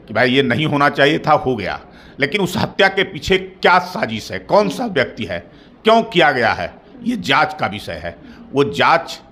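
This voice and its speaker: A middle-aged man, speaking as a party spokesperson in a formal interview, measured and repetitive, building into firm claims. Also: mid-range voice, pushed and bright, a little hiss or hum. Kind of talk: formal political interview answers.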